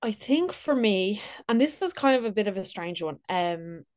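A woman's voice: mid-range voice, expressive, moderate pace, a little mellow. A woman podcast guest telling a travel story in an earnest way, with many fillers. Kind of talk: casual interview chat.

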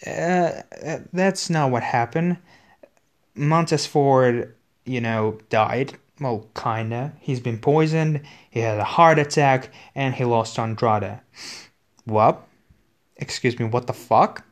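A man ranting in casual, profane commentary, his voice hoarse and exasperated. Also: mid-range voice, takes it slowly. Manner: profane, exasperated, swears constantly. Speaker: wrestling commentator.

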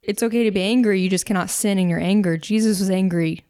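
Woman co-host, casual faith talk, mid-pitched, chatty with asides, dry close mic. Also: warm tone, clear, resonant tone, no echo. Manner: conversational, fillers and quick asides. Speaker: podcast co-host. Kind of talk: casual faith-based discussion.

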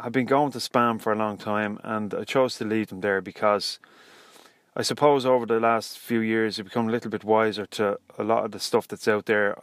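A man's voice: fairly low pitch, a bit bright, dry recording, studio quality. An Irish man hosting a solo podcast in a casual, rambling, hesitant way, recorded inside a car. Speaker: podcast host. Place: inside a parked car, in the passenger seat.

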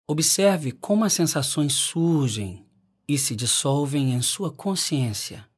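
A man narrating a scripted guided meditation in a calm, unhurried way with long pauses. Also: fairly high pitch, breathy edge.

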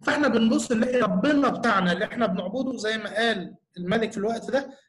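Fast-talking Egyptian man teaching. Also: high-pitched, fairly bright tone. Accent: Egyptian Arabic. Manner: earnest, explanatory, full of rhetorical questions. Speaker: church teacher. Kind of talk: answering audience questions in a talk.

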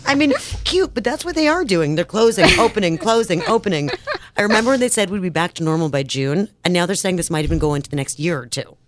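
A woman's voice: fairly low pitch, expressive, quick pace, noisy background. A woman co-hosting a talk radio show, joking and playful in casual banter in a studio. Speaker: co-host.

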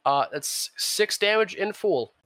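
An excitable man playing a tabletop game, halting at times. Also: high voice, no echo, studio quality. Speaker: player.

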